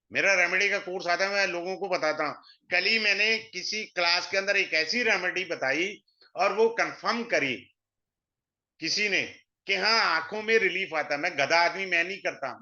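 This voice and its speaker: A man's voice: a little high, pushed and bright. A man teaching an astrology class in a chatty, blunt way, mixing in English phrases. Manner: chatty, mixes Hindi and English, blunt asides. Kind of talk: informal online class lecture. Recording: dull lo-fi sound.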